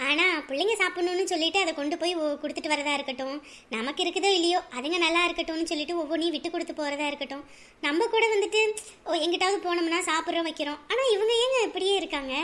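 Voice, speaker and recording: A woman's voice: very high-pitched, quick pace, fairly bright tone. A woman playing an emotional young village wife in a TV serial, who swings between tears and scolding. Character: young village wife, affectionate, sharp-tongued with her mother. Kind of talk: TV serial acting.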